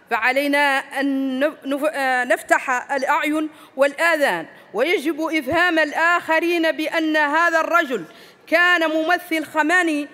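A middle-aged woman from Mauritania speaks at a lectern microphone, reading a rousing political speech. Her voice sits very high and rings sharp and bright. A long hall reverb trails each phrase. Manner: emphatic, rousing oratory. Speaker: former parliamentarian giving a speech. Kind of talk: formal political speech read from notes. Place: large banquet hall, indoors.

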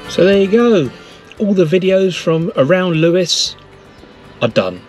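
Here a man in his fifties records a casual walking vlog around a village church and lanes, camera mic at arm's length, full of enthusiasm. His voice sits high and sounds animated yet a little mellow, at a slow pace, with faint music in the background.

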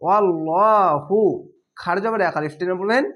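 Man, high voice, teaching Quran reading letter by letter, slow chanted syllables. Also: fairly bright tone. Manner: slow, drawn-out chanted syllables between plain explanations. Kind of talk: spelling-out recitation lesson.

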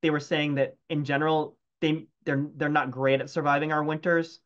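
A man's voice: a little high, little pitch movement, normal speed, fairly bright tone. Hesitant man on a lo-fi call. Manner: hesitant, many restarts and fillers. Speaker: entomologist answering questions. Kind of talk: casual Q&A after a talk. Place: home room, video call.

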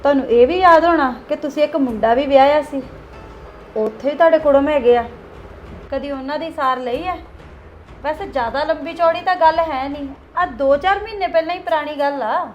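A woman's voice: sits high, brisk, few pauses, lo-fi sound, soft background music, natural voice. A young woman playing a defiant, self-centred daughter-in-law who argues back in a family drama skit. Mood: accusing. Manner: argumentative, talking back.

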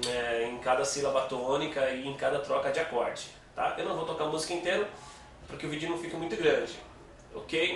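A man's voice: fairly high pitch, fairly bright tone, a little hiss or hum. A Brazilian man giving a casual guitar lesson, patiently explaining and counting beats aloud. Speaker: guitar teacher. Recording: echoey room, mic at a distance, guitar playing.

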